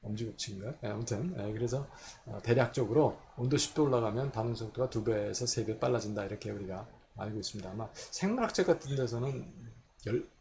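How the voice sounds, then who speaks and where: A man's voice: on the low side, fast talker, a little mellow, a little hiss or hum. A man giving a recorded chemistry lecture, working through equations step by step and asking and answering his own questions.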